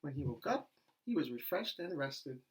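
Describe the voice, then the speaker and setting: A man reading a children's storybook aloud like a primary school teacher, animated and with dramatic emphasis. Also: a little high, moderate pace, a little hiss or hum.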